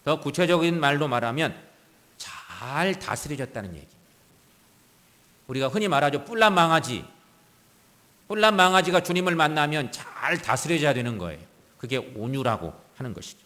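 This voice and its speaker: Male pastor, sermon delivery, animated, bursts of emphasis then soft asides, reverberant church. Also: on the high side, fairly quick. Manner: preaching with strong swings between loud emphasis and soft asides. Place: church sanctuary.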